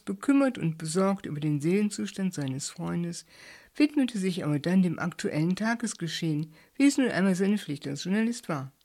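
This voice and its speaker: A woman reading a short story aloud in calm, measured narration. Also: on the low side, gravelly.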